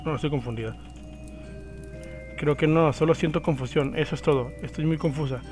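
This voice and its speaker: A man's voice: on the high side, a little fast, a little mellow, faint music behind, lightly acted. A man voicing a confused, sad ten-year-old girl, reading game lines aloud with slips. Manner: reads lines from the screen with slips.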